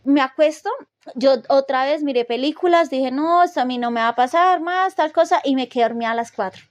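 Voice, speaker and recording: A woman with a high, bright voice tells a chilling personal story in a casual podcast chat, speaking a little fast and animatedly, restarting sentences and acting out her own reactions. The sound is dry and close to the mic, with no echo.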